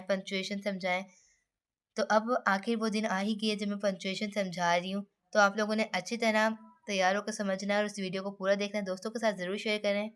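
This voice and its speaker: A woman teaching English online. She talks in a chatty, friendly way, calls her students kids and guys, and slips in playful asides. Her voice sits at an ordinary middle pitch for a woman. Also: smooth.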